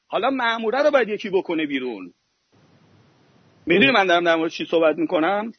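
High husky man on a call-in line. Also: no room sound. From Iran. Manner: argumentative, tells stories fast. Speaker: caller. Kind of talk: heated call-in chat. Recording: dull dry call-in audio.

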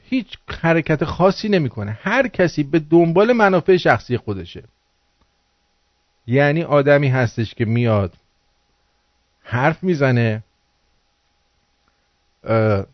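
This ranting political monologue comes from a medium-pitched man hosting a radio call-in show, crudely and angrily chastising his listeners. It has a dull, dry, lo-fi sound.

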